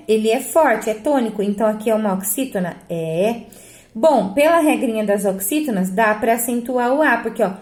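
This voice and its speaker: Brazilian woman teacher, higher voice, step-by-step grammar explainer, echoey room. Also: a little mellow. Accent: Brazilian Portuguese. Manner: explains step by step, asks herself rhetorical questions. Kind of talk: grammar lesson correcting exercises.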